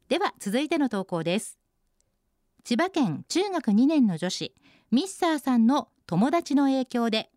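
This is a woman hosting a radio show, reading listener submissions and reacting with cheerful, chatty comments. Her voice sits fairly high and moves a lot in pitch. The studio sound is dry and close. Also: no echo. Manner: bright, chatty commentary on each post. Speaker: radio host.

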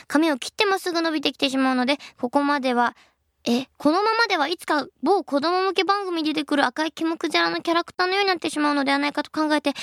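A young woman in her twenties hosting a radio show, reading listener letters and answering them in a chatty, playful way, her voice a little husky. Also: high voice, no echo, clean studio sound. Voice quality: a bit husky, by her own account. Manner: lively, chatty and playful, laughs at her own slips.

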